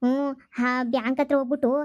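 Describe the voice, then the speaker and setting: A woman's voice: high-pitched, flat delivery, a little fast, no room sound, muffled recording, natural voice. A woman playing a pleading, nagging village wife and daughter in a comedy skit.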